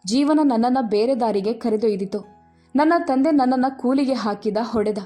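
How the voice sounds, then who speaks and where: A woman voicing a solemn male judge who speaks in a grave, measured way. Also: fairly high pitch, dark tone, faint music behind, natural voice. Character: grown man, a solemn judge.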